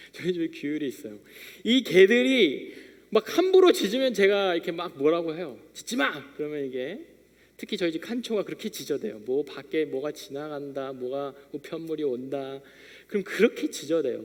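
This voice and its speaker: A young male youth pastor delivers a sermon in a relaxed, conversational way, acting out little exchanges as he tells everyday stories. His voice sits high for a man. It rings out with the long reverb of a church hall. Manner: conversational storytelling preacher, acting out little dialogues. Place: church sanctuary.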